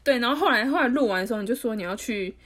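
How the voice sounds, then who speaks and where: A woman co-hosting a podcast, animated and teasing in casual chat. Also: on the high side, very fast. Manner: animated, teasing, reacts sharply. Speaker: podcast co-host.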